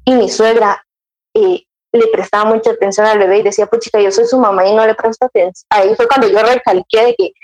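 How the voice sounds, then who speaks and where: A woman's voice: fairly high pitch, fairly even intonation, fast talker, darkish tone, low-quality recording. Chatty young woman. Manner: chatty storytelling, acting out her own past words, many restarts. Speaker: guest sharing her motherhood story. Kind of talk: casual chat.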